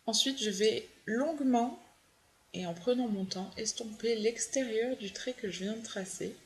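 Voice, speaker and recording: A woman's voice: fairly high pitch, unhurried, slight background noise. A young woman, a beauty vlogger, walking through her makeup steps in a chatty, upbeat tutorial. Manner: chatty, fond of her favorite products.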